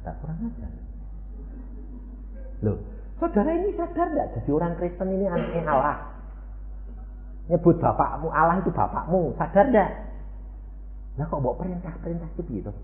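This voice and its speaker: A man preaching a lively sermon. He swings between loud, high exclamations and low, quiet asides, and he keeps putting questions to the congregation. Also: normal speed, pauses often. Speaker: pastor. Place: church. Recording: echoey church hall through a thin phone-like sound.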